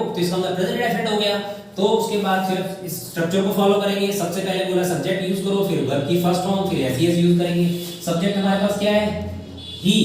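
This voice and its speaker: A male English grammar teacher, explaining rules step by step in a classroom-style lesson and calling his viewers children. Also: sits high. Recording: very echoey room, far from mic, faint noise.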